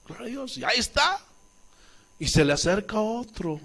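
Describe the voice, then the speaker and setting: A man from Bolivia preaching a sermon as pastor, animated, acting out voices and questioning the congregation. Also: high voice, normal speed, creaky.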